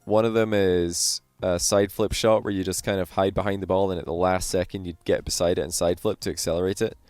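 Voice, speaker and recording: Brief: easygoing male replay coach with a lowish voice, chatty, soft beats underneath. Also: a little fast, clear, resonant tone, no room sound. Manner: relaxed coaching, frequent fillers. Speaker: game coach reviewing a replay. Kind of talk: casual replay commentary. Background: faint lo-fi background music.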